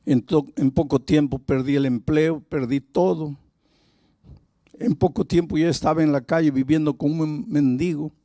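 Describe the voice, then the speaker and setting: A man's voice: on the high side, dark tone, no echo, clean studio sound. A male pastor speaking in the first person as a remorseful former drunk man confessing his past. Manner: confessional, heavy with guilt.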